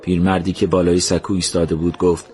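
A man narrating a story in a slow, measured, somber reading. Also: low voice, little pitch movement, a little mellow.

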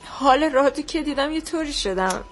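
An actress playing a grieving pregnant nurse in a hospital drama, speaking softly through tears. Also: female voice, high voice, lively intonation. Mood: tearful. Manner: soft, tearful. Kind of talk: TV drama acting.

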